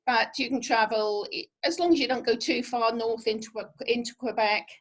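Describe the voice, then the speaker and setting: A woman's voice: a little high, fairly even intonation, moderate pace. A middle-aged English woman with a Norfolk accent gives an informal slide presentation as a travel specialist, chatting with conversational asides to her listeners.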